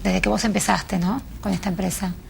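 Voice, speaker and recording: A woman with an Argentine Spanish accent at a middle pitch, her voice heavy with creak and gravel. She hosts a studio interview, prompting her guest and backing him up with steady affirmations. Faint ambience is audible. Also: brisk, a little hiss or hum. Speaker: TV talk show host. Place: television studio.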